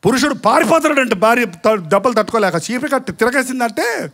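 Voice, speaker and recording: High-voiced animated preacher man. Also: a little fast. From India. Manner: animated preaching with mimicked quarrels and rhetorical questions. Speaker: pastor. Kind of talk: sermon.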